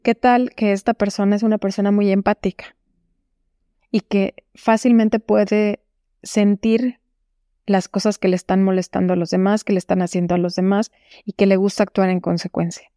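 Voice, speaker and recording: A woman hosting a solo advice podcast. She explains calmly and speaks directly to the listener. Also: mid-range voice, moderate pace, no echo, studio quality. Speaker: podcast host.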